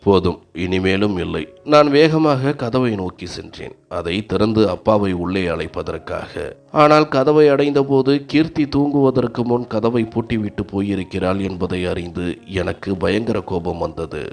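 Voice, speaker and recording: A male storyteller reads a scripted first-person family drama in an earnest, dramatic way. His voice sits very low and has a rough, creaky grain. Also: lively intonation, unhurried.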